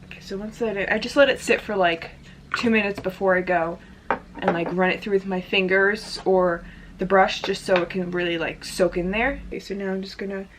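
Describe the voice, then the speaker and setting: A woman's voice: medium pitch, fairly even intonation, normal speed, background noise. A woman talking casually through a hair tutorial, chatty and full of "like" fillers. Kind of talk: casual step-by-step demonstration. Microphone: camera in front of her.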